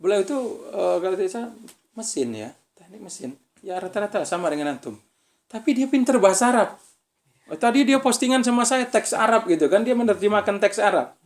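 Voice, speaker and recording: A man giving a relaxed religious study talk to students, speaking with an Indonesian accent and checking in with his listeners often. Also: high voice, a little fast. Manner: conversational, keeps asking "ya kan?". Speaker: visiting preacher.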